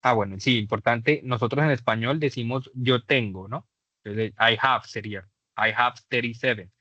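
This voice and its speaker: A man teaching a beginner English class, explaining patiently and slowing down to model English examples. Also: mid-range voice, pushed and bright, dry recording. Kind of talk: online class lesson. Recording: dull dry lo-fi mic.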